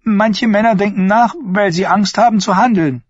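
A man's voice: high voice, moderate pace, breathy edge, dry recording, voice pushed up. A man doing a sly, sugary young woman. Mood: sharp, mocking. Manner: sugary, sly, lilting delivery. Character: sweet-voiced young woman, scheming and sly. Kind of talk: audiobook character voice. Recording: dull lo-fi audio.

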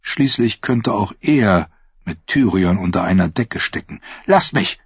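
A man narrating a fantasy audiobook in a measured, even manner. His voice is low and husky. The recording is dry and slightly lo-fi. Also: no room sound. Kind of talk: scripted narration.

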